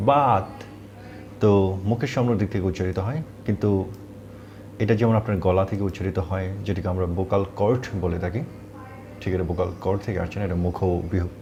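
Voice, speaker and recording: A man's voice: sits low, mellow, muffled recording, slight background noise. A man teaching English pronunciation, patiently repeating points and saying example words aloud. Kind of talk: explanatory lesson.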